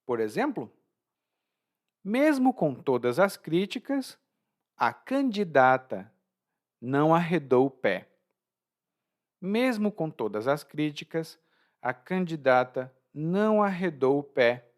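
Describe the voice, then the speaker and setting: A man with a Brazilian accent explains expressions for a language lesson podcast, speaking very slowly with a lively, rising and falling pitch. His voice sits a little high for a man. He repeats key phrases and checks in with listeners. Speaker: language teacher.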